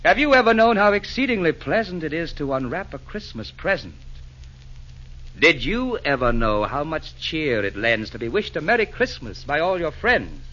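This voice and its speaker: An actor playing a jolly, generous, fussing old Santa Claus in rhyme, in 1940s radio drama style. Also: male voice, a little high, sharp tone, full character voice. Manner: hearty, rhyming theatrical delivery. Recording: dull 1940s radio broadcast recording.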